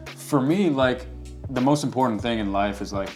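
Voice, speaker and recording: A man's voice: mid-range voice, normal speed, a little mellow, faint music behind. A man in his twenties hosting a casual chat, talking candidly and reflectively with plenty of "like" and "you know" fillers. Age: 20s. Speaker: host.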